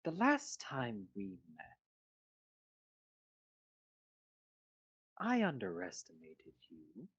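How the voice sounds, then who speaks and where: A woman voicing a contemptuous female villain, taunting slowly like a menacing old hag in a tabletop game. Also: extremely low pitch, wildly swooping pitch, slightly rough, heavily acted. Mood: cold threat. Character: gloating, contemptuous female villain with a witchy horse laugh.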